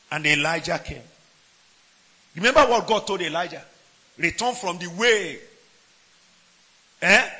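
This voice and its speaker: A man preaching with great force. His high, gravelly voice swings widely in pitch. He jumps from shouted lines to quiet asides and keeps questioning the congregation. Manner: asks the congregation questions, laughs between points. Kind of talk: sermon.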